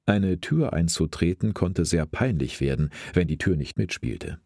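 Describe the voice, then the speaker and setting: A man narrates a crime story in a deep, husky voice, steady and measured. The recording is dry and close, with no room sound. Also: no echo. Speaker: audiobook narrator.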